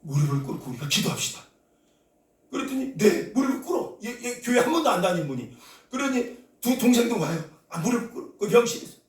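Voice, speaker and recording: A man preaching a Sunday sermon as the pastor, telling a story dramatically, acting out the people he quotes and rising into shouts at the peaks. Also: high-pitched, sing-song, a little fast. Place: church sanctuary. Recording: echoey hall, voice from a distance.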